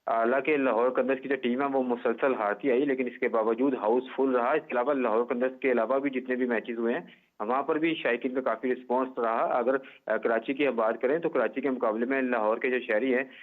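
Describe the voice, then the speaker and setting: Male reporter calling in on a tinny phone line that keeps breaking up; measured, formal delivery with frequent "uh" pauses. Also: medium pitch, fairly even intonation. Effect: phone line breaking up and cutting out. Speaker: sports reporter phoning in.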